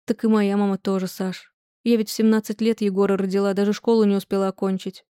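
Brief: woman voicing a soft, gentle young mother, mellow dark tone, dry sound. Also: mid-range voice, flat delivery, fast talker, clear, resonant tone, no room sound, close to an everyday voice.

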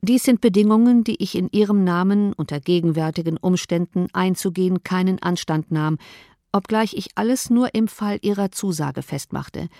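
A woman narrating an audiobook of a classic novel in a steady, clear reading voice. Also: on the low side, moderate pace, no echo, clean studio sound.

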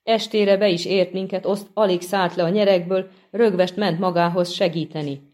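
A woman voicing a chatty, grateful middle-aged peasant man in an audiobook, talking in a folksy, animated way. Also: lowish voice, natural voice. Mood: earnest. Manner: folksy, animated, respectful to his master. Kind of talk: audiobook reading.

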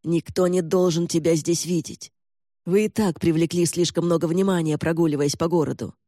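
Man doing a bossy gaunt old lord, snaps short orders, warm dark voice, dry booth sound. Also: fairly high pitch, fairly even intonation, normal speed, no room sound, lightly acted. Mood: irritated. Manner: curt, commanding, snapping. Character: older gaunt male lord, curt and commanding.

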